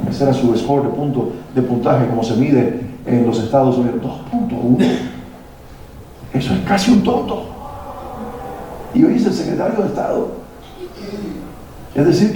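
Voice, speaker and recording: A man's voice: medium pitch, dark tone. A man giving a motivational talk to parents in a hall, posing rhetorical questions to the audience. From Latin America. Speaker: speaker at a parenting workshop. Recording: very echoey hall, mic at a distance, faint noise.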